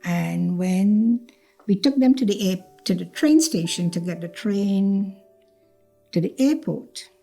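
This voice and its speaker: An older Trinidadian woman, a cancer survivor, tells her story slowly in a reflective personal interview, her medium-pitched, mellow voice touched with gravelly fry and lively intonation. She often repeats phrases and acts out what other people said, as soft music plays faintly in the background.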